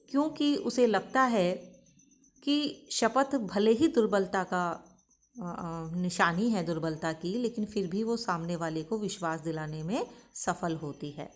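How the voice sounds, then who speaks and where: A middle-aged woman teacher giving a lecture on a poem, explaining it step by step and addressing her students as children. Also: medium pitch.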